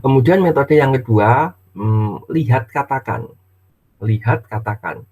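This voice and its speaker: A middle-aged male lecturer talks to his students in a relaxed, chatty way. He slips into little acted exchanges with his child. The sound is thin and tinny, like a phone line. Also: medium pitch, measured pace. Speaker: university lecturer. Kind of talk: casual online lecture.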